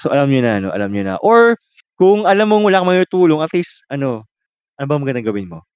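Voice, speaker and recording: A Filipino man co-hosts a casual podcast, talking to his listeners in a very lively, up-and-down voice. His pitch sits a little high for a man, and he often drops into a low mutter. The recording is close and dry. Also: very fast, clean tone, dry recording, phone-quality sound. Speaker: podcast co-host. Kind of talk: casual chat.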